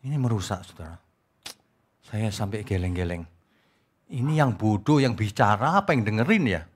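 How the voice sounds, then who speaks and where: A man preaching an evening prayer sermon as pastor, with a mocking, lively manner. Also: lowish voice, moderate pace, breathy edge.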